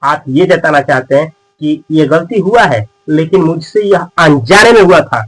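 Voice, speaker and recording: A man teaching spoken English in Hindi who repeats each English sentence slowly and word by word, then translates it, and calls the viewer friend and brother. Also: fairly high pitch, animated, fairly bright tone, slightly rough, poor audio. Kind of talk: Hindi-medium English lesson.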